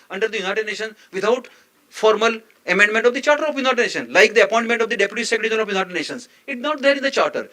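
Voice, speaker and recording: A man's voice: sits high, bright, forceful tone. A male professor gives an academic lecture in a lecture hall, speaking emphatically, repeating phrases and putting rhetorical questions to listeners. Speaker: professor giving a memorial lecture.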